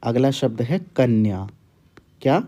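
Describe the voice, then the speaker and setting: Slow, dark-voiced man dictating words. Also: medium pitch, expressive. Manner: slow dictation, repeating each word twice. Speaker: Hindi teacher. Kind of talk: word dictation.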